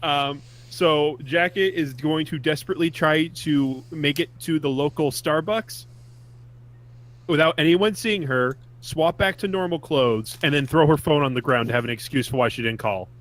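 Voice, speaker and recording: Joking male player, slightly high voice. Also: moderate pace, fairly bright tone. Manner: jokey, describing his character's actions. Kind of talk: casual tabletop role-play.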